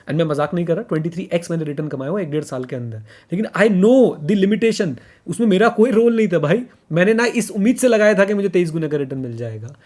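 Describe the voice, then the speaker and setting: A fairly high-pitched man talks casually as a podcast co-host, expressive and quick with hardly any pauses, his voice a little mellow. He hammers his points home by repeating them and slips English phrases into his speech.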